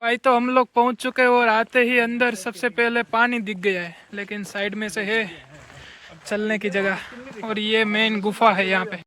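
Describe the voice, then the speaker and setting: A man's voice: sits high, flat delivery, normal speed, pushed and bright. A man vlogging casually as he walks through a long rock tunnel, talking to viewers, his voice ringing with heavy cave echo. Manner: chatty, talks to viewers while walking. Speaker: travel vlogger. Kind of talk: casual walking travel vlog.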